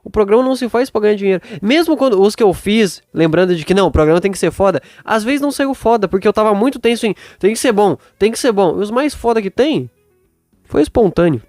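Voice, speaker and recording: A man's voice: sits high, expressive, fast talker, darkish tone, no echo, clean studio sound, soft background music. A Brazilian man hosting a solo podcast in a casual, rambling monologue, blunt and self-doubting, sweary, with a sore throat and stuffy nose. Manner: acts out imagined dialogue mid-monologue.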